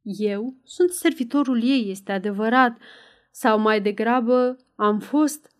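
A woman's voice: a little high, a little mellow, natural voice. A woman voicing a wary, earnest old male servant in an audiobook. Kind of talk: audiobook character voice.

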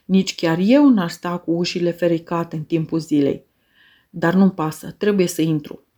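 A woman reading the lines of a polite, formal young gentleman visitor in an audiobook. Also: on the low side, close to an everyday voice. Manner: courteous, formal.

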